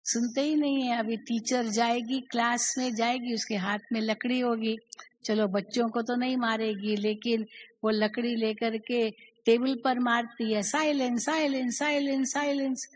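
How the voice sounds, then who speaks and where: A woman gives a spiritual class at a very slow, deliberate pace, her voice sitting somewhat high. She keeps asking her listeners questions and acts out the quoted lines as she teaches. A faint hum of ambience sits under her voice. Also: flat delivery, rough recording.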